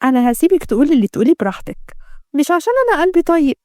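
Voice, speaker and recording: A woman's voice: high voice, lively intonation, rapid-fire, mellow, dry recording, clean studio sound, pitched above the performer's own voice. A woman doing a sneering scheming villainess. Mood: mocking. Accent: Egyptian Arabic. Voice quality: taunting, sneering. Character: cruel scheming young wife, mocking villainess.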